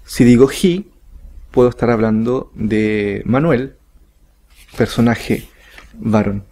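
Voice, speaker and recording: Slow, gravelly-voiced male teacher. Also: medium pitch, mellow. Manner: slow, deliberate, repeats example sentences. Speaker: English teacher. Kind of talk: online grammar lesson.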